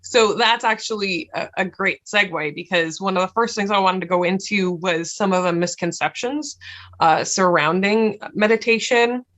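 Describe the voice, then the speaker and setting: A woman hosting a podcast and introducing meditation, reassuring and quick to laugh. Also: medium pitch. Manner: warm, reassuring, laughs often. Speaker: podcast host, meditation guide. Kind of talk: casual podcast chat.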